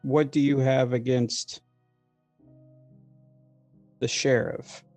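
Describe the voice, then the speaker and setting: A man playing a reserved, formal vampire in a tabletop game, speaking in measured, terse, guarded lines. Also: medium pitch, little pitch movement, darkish tone, no room sound, faint music behind.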